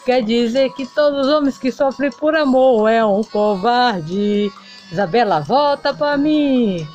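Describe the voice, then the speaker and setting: A woman plays a heartbroken male doll bandleader, melodramatic and sing-song in a toy play-acting video. The voice sits high and drawls slowly. It comes through a dull lo-fi recording with band music faintly behind. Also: expressive, a little mellow. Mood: lovesick lament.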